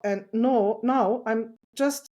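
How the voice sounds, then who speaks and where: A woman appears as a podcast guest and parent in a casual interview, coming across as earnest and reflective with light laughs. Her loud voice is fairly high-pitched, and she speaks slowly.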